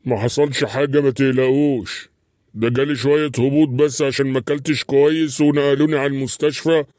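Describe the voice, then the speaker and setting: A man voicing a sick old Egyptian father who calmly reassures his family. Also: mid-range voice, fast, dry recording, studio quality, voice pushed down, lightly acted. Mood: reassuring. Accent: Egyptian Arabic.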